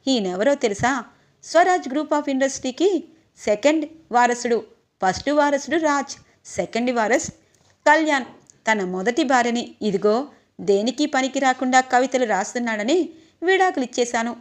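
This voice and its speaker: A woman's voice: high-pitched, expressive, normal speed, pauses often. A woman reading as a mocking young woman. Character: scornful young woman taunting her ex-husband.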